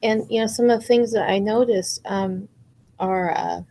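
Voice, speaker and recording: Tired woman, soft and hesitant. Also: medium pitch, fairly even intonation, normal speed. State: tired, yawning. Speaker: podcast co-host, wife. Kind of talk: casual chat.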